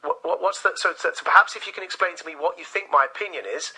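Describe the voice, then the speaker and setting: A man's voice: sits high, quick pace, pushed and bright, husky, poor audio. A man hosting a radio phone-in, firmly cutting in to keep a caller on topic. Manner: firm, repeatedly interrupting to keep order. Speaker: radio host. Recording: radio broadcast.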